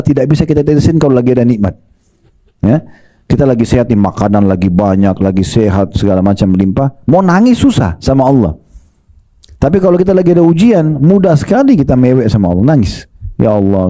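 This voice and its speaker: Male preacher, very warm mellow voice, lively storytelling sermon to the congregation. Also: mid-range voice. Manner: lively, retells stories and addresses the congregation.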